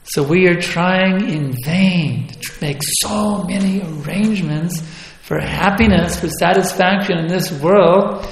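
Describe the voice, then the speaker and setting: A man's voice: sits high, a little slow, hardly any pauses, a little hiss or hum. A man preaching a sermon, emphatic, asking rhetorical questions and repeating his points. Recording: echoey hall.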